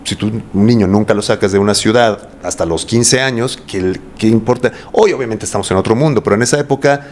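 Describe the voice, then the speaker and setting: A man's voice: lowish voice, fast talker, few pauses, a little mellow, slight background noise. A man with a Mexican accent, a voice coach talking at length in a casual interview and often asking rhetorical questions. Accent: Mexican Spanish. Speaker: voice coach guest.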